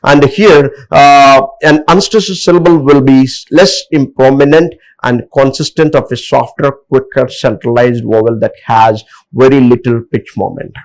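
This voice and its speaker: A man's voice: mid-range voice, fairly even intonation, measured pace, low-quality recording. A man with an Indian English accent, explaining word stress in a hesitant lecture full of fillers. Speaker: English teacher. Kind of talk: lecture with slides.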